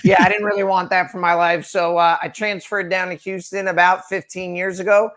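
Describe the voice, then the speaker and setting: A man's voice: sits high, level tone, brisk, a bit bright. A forty-year-old man, a police lieutenant, speaking as a guest in a casual podcast interview, friendly and dryly joking. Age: 40s.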